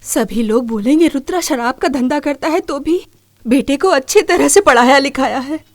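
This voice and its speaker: A caring mom pleading, highish voice, dry close sound. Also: female voice, sing-song, moderate pace, no room sound. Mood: tender. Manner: pleading, tender. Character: devoted mother, gentle but standing up to husband. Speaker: mother. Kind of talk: Hindi film dub acting.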